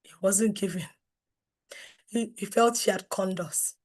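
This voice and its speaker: A middle-aged woman, hoarse from losing her voice, giving an emphatic online branding workshop full of rhetorical questions. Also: medium pitch, steady tone, unhurried. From Nigeria. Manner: emphatic, rhetorical questions, wide swings in loudness. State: hoarse, has lost her voice. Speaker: webinar speaker on branding. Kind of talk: live online workshop talk.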